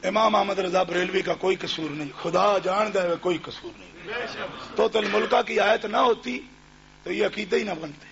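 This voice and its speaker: A man preaching a fiery religious sermon, shouting and now and then chanting verses in a sung tone. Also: high voice, vocal fry. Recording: dull lo-fi recording with crowd.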